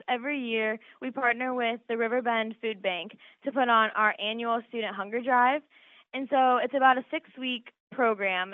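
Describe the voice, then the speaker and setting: A woman's voice: a little high, no echo, phone-quality sound. A teenage girl, a student guest on a radio interview, earnestly explaining an event and linking her points with "and so". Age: teens.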